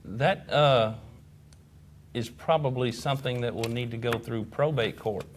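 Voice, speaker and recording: A man's voice: medium pitch, a little hiss or hum. Man, talk-show guest, mid voice, careful and hesitant. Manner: measured, hesitant with fillers. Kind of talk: casual interview.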